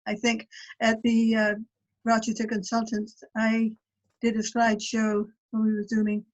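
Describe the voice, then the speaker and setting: A participant on a video call talking hesitantly, with many restarts. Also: male voice, sits high, monotone, moderate pace, highs cut off. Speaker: meetup participant. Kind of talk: casual video call chat. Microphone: computer mic on video call.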